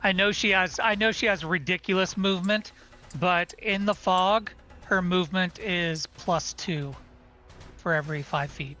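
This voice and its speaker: A man's voice: high-pitched, unhurried, sharp tone, soft background music. A man chatting casually as a player in a tabletop game.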